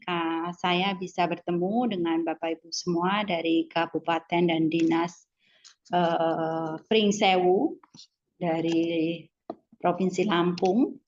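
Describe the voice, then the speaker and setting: A woman speaks very slowly and politely, in a lowish voice, pausing often on hesitant fillers. Her audio is dull and lo-fi, as on a video call. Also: darkish tone, slight background noise. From Solo, Central Java. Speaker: lecturer and expert panelist. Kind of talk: formal webinar talk.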